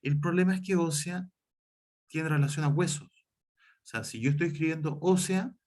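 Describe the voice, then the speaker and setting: A man's voice: fairly high pitch, moderate pace, darkish tone. A man from Chile teaching an online class on ethics and writing, explaining step by step with frequent fillers and self-corrections.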